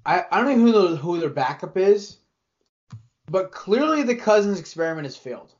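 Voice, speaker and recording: A young man co-hosting a sports podcast, giving rambling, animated opinions with frequent restarts. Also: high-pitched, a little fast. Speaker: podcast co-host. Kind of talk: casual sports chat. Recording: dull lo-fi podcast audio.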